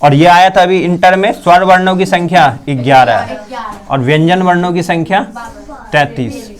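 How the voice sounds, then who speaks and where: A male teacher with a Bihari accent giving a classroom lesson, sounding out letters and quizzing his students. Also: high voice. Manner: drills sounds slowly, quizzes students often. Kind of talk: classroom Hindi pronunciation lesson.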